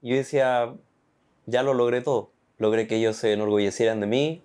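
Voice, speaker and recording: A man's voice: mid-range voice, steady tone, a little fast, darkish tone, clear, resonant tone. Earnest young Chilean man telling his story. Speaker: testimony guest. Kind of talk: personal faith testimony.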